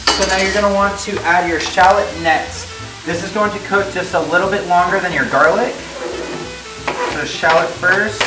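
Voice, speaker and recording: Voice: medium pitch, normal speed, distant mic. Tipsy, sweary home cook in a roomy kitchen. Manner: tipsy, rambling, crude swearing. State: drunk. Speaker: home cook hosting a cooking show. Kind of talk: casual cooking tutorial to camera, profane. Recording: roomy kitchen, off-mic, loud music behind. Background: loud music, sizzling pan.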